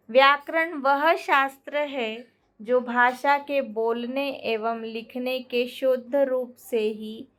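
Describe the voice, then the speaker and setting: A woman teacher with a Hindi accent, slowly reading out question-and-answer notes for a school grammar lesson. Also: fairly high pitch, a bit bright. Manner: slow, deliberate dictation pace.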